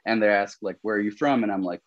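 A young Colombian man talks fast in a lowish voice as a podcast guest in a casual conversational interview. He is relaxed and rambling, filling his speech with lots of "like" and "you know." The audio is dull, with no echo.

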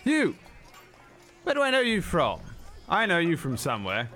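Man doing a high, pushy tiefling junk merchant. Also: huge pitch swings, normal speed, fairly bright tone, soft background music. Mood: insistent. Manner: wheedling hard sell.

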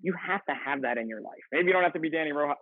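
A man's voice: fairly high pitch, very fast, husky, dry recording. A man, a firefighter, chatting casually as a podcast guest, rambling with frequent laughs and restarts. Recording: dry tinny phone-like line.

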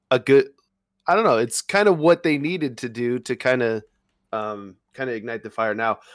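A man's voice: mid-range voice, smooth, dry recording, clean studio sound. A man co-hosting a podcast, easygoing and hesitant, with many ums. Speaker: podcast co-host. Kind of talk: casual podcast chat.

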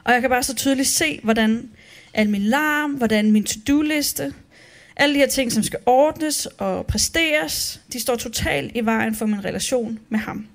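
Woman pastor, fairly high voice, candid, confessional, conversational. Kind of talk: personal devotional talk.

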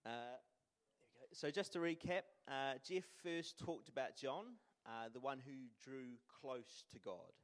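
Male, young adult, New Zealand accent, medium-pitched voice; relaxed lay preacher, unpolished and modest. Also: measured pace. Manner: hesitant, self-deprecating, casual. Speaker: church speaker giving a sermon. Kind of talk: informal sermon.

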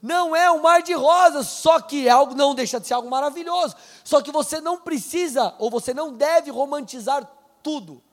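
High-voiced man preaching in church. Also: in a large hall. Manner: conversational preaching, slows to read scripture. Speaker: pastor. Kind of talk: sermon. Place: church hall.

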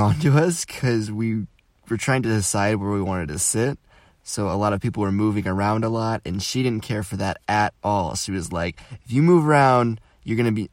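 A young man with a slightly low voice recounts a chaotic night out, casual and animated. He drops into quick impressions of the people he quotes. The sound is dry and close. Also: dry recording. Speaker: podcast host. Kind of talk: casual storytelling monologue.

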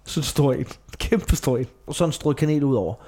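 A man with a slightly higher voice hosts a casual podcast chat. He retells scenes loosely, quotes lines in passing and laughs often. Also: warm tone. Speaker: podcast host. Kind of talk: casual chat recapping a TV show.

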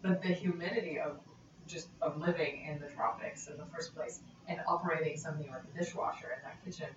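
A woman's voice: sits low, fairly even intonation, quick pace. A woman from Italy, a guest in a casual conversation, talking thoughtfully and often trailing off mid-sentence. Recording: distant mic in echoey room, dull and noisy.

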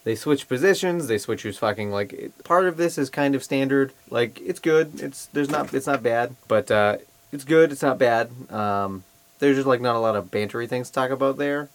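A man's voice: medium pitch, normal speed, no room sound. A man with a Boston accent, co-hosting a podcast and casually recounting scenes in a dry, offhand way. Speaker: podcast co-host. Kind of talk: casual podcast chat reviewing a film.

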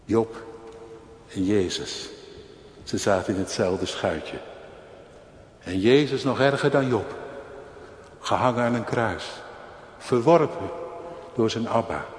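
A man's voice: fairly low pitch, takes it slowly, pauses often. A man preaching a sermon with emphatic delivery, repeating key phrases for weight. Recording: echoey hall with long reverb.

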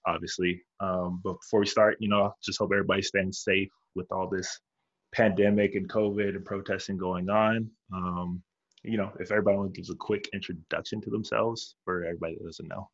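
A man's voice: deep voice, a bit bright, slightly rough. A man hosting a roundtable, welcoming the panel in a casual, loose way. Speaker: host. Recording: dull lo-fi audio.

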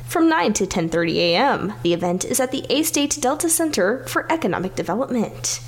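Female local newsreader, scripted bulletin delivery, voice pitched on the high side. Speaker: news presenter. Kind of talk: scripted local radio news reading.

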